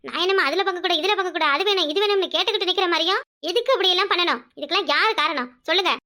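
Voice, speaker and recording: A woman voicing a quarrelsome, sharp-tongued village wife in a cartoon, with a Kanyakumari Tamil accent, scolding in rapid complaints. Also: very high-pitched. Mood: indignant. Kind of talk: cartoon voice acting.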